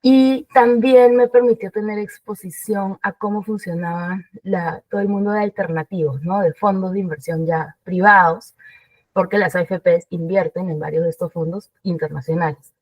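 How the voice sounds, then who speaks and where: A woman's voice: lowish voice, normal speed, darkish tone, no echo. Woman, Peruvian accent, interview guest, chatty, fillers, dry distant mic. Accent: Peruvian Spanish. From Peru. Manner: chatty, with frequent fillers and English business terms. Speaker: guest, investment director. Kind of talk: casual interview.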